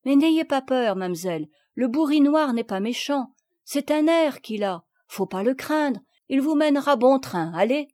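A woman's voice: high voice, animated, measured pace, darkish tone, voice pushed up. A woman voicing a reassuring peasant father. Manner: rustic speech, soothing.

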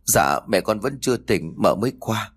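An earnest grown son voiced by a man pleads in a slightly raised, low-toned male voice. The delivery is anxious and sincere. It is a read-aloud story. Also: expressive, normal speed, husky. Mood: pleading.

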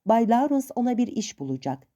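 A proud young woman answers earnestly and defiantly in a slightly raised, lively voice, as a woman reader voices her. Her tone stays mellow. The recording is dull and lo-fi. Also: fairly high pitch, fairly quick, pitched above the performer's own voice.

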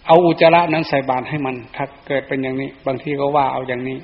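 A man's voice: medium pitch, steady tone, fast. Male monk giving a storytelling sermon. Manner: plain storytelling delivery. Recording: echoey dull lo-fi recording.

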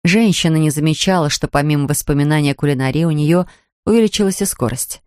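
A woman's voice: low voice, fast, darkish tone, no echo, studio quality. Woman reading a storybook aloud. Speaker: audiobook narrator. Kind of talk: scripted narration.

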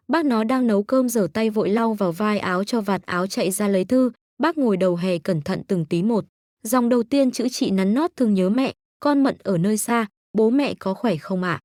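A woman narrating a storybook calmly and wistfully. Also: mid-range voice, no echo, clean studio sound. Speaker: audiobook narrator.

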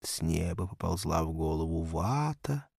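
A man narrating a humorous short story as an audiobook, in a measured storytelling manner that sinks to a murmur. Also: rumbling low, animated, gravelly, darkish tone, slightly rough, no echo, studio quality.

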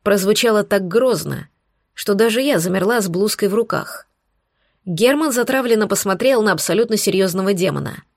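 A woman's voice: medium pitch, lively intonation, moderate pace, creaky, darkish tone, dry recording, studio quality. A woman reading a first-person fantasy audiobook with a wry storytelling manner. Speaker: audiobook narrator. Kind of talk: scripted narration.

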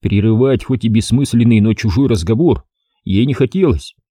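A man reading an audiobook with a lively, expressive narration. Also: lowish voice, normal speed, no echo, studio quality. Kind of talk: scripted narration.

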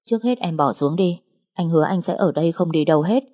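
A woman voicing a calm, reluctant young man who speaks slowly and soothingly in an audiobook. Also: lowish voice. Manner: slow, soothing, hesitant.

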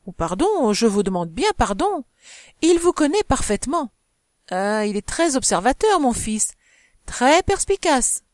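A woman's voice: a little high, very animated, measured pace, no echo, clean studio sound, pitched above the performer's own voice. A woman reading the part of a chatty elderly countess in an audiobook, insistent and coaxing, stretching her emphatic words.

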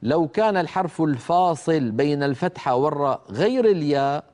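Middle-aged male tajweed teacher, slightly high voice, lectures to students, stretches out recited verses. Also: expressive, darkish tone. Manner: slow drawn-out recitation of example words and verses; addresses students directly, asking questions. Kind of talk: tajweed lesson explaining a didactic poem.

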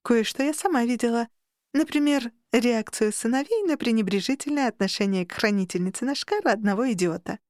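A woman voicing a cheerful, kindly middle-aged vampire woman in an audiobook, with a teasing, gently sly manner, in a dry studio recording. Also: a little high, animated, brisk, dry recording, close to an everyday voice.

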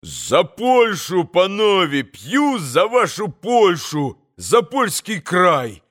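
A man voicing an excitable young drunken reveler, loud and impulsive, shouting toasts. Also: a little high, slow pace. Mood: exuberant.

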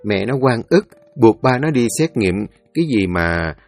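Animated male storyteller, dry sound. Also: fairly low pitch, normal speed, no echo, faint music behind. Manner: lively, colloquial, animated. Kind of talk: spoken folk story narration.

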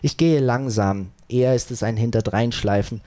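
Guy reading an audiobook in first person, calm and measured, regular mid voice. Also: mid-range voice. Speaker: audiobook narrator.

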